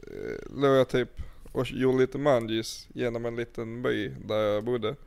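A man's voice: medium pitch, lively intonation, creaky, darkish tone, clean tone. A young man in casual chat, laid-back and swearing, telling stories with laughs. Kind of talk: casual storytelling.

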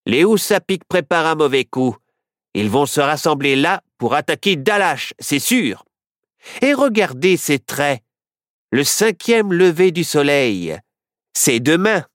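A man's voice: on the high side, big pitch swings, measured pace, a bit bright, dry recording, studio quality, pitched above the performer's own voice. A man voicing a stubborn, suspicious Wild West sheriff in a storybook reading, with a blunt, certain manner. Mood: gruff.

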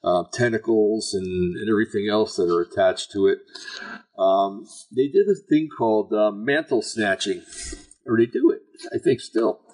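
A man with a raspy, gravelly voice hosting an online show, giving informal religious commentary in a rambling, halting, folksy way. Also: on the low side, darkish tone, low-quality recording.

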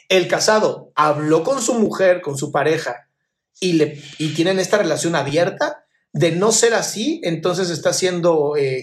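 A man with a voice a little higher than most men's hosts a live chat, going through viewer questions one by one. He answers bluntly but affectionately, calling his listeners "my love" as he gives emotional advice. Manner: frank, direct advice. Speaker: live stream host giving emotional advice.

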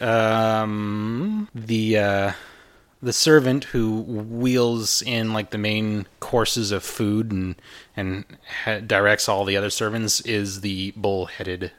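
A man with a lowish voice hosts a show and narrates as game master of a tabletop game. His delivery rambles, full of pauses and fillers.

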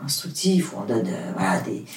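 Her pitch is extremely low, with big swings, and she talks fairly quickly. She is a Portuguese author from Portugal, Portuguese being her first language, appearing as a guest in a casual interview with a roomy, distant sound. Earnest and hesitant, she fills her speech with fillers and restarts.

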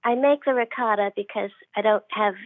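A woman heard over the phone, her voice squeezed into a thin, tinny band. She talks in a brisk, matter-of-fact way as a caller to a talk show, in a mid-range voice. The line sounds dry and close. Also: mid-range voice, dry recording. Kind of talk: casual call-in chat.

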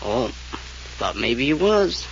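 An actor in a 1940s radio drama plays a drunken, sardonic man of the house, drawling and chuckling with tipsy mockery. His medium-pitched voice is creaky and heavily acted, slow, with big pitch swings. The old radio transcription is dull and lo-fi with faint hiss.

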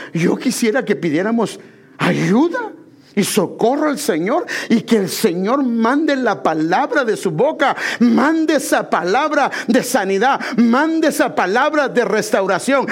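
A man preaching a sermon, calling his listeners brother and pressing them with repeated questions. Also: very high voice.

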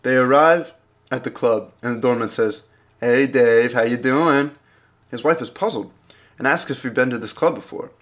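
A man's voice: mid-range voice, a little fast, a bit bright. A young man reading jokes aloud and adding casual, giggly, rambling comments. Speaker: joke reader.

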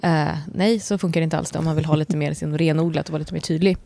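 A woman in her thirties, a comedian guest, telling stories in a lively, casual way with lots of fillers. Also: low-pitched, creaky, no echo. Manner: lively storytelling with frequent fillers and laughs. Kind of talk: casual podcast chat.

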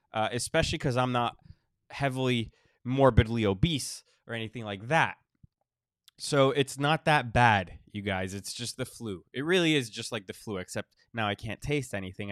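A man's voice: mid-range voice, a bit bright, no echo. Guy doing a loose solo podcast, wheezy n short of breath, stops and restarts a lot, very dry sound. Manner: halting, repeats phrases, frequent pauses. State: short of breath, recovering from illness. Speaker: podcast host. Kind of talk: casual rambling podcast monologue.

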